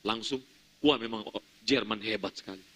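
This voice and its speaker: A man's voice: on the low side, moderate pace, bright, forceful tone, slightly rough. A male pastor telling a dramatic story during a sermon and addressing the congregation directly.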